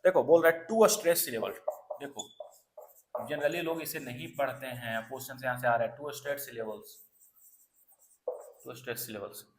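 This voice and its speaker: Speaking at a moderate pace with long pauses, a man of medium pitch teaches an exam prep class. He repeats important terms and frequently asks "है ना" and "clear" to check on students. The room sounds roomy and there's noise in the background.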